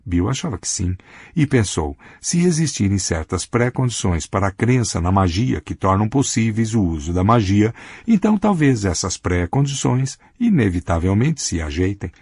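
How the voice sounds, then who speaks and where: Brief: male audiobook narrator, low husky voice, close and dry. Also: moderate pace, no room sound. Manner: expressive storytelling.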